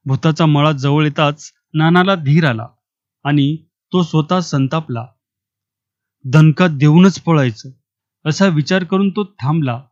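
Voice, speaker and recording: A man reading a short village story aloud, in a steady, measured storytelling manner. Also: fairly high pitch, dry recording. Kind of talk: Marathi short story narration. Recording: dry, slightly dull audio.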